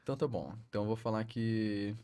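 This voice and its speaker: A man's voice: on the low side, quick pace, dark tone, clean tone. A man with a Brazilian accent casually directing his video editor at work, pushy and full of slangy examples. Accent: Brazilian Portuguese. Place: workplace, with a colleague.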